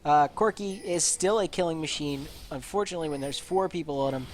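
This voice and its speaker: A man giving color commentary on a video game match, excitable and jokey, breaking into loud exclamations. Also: on the high side, a little fast, slight background noise. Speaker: esports co-commentator.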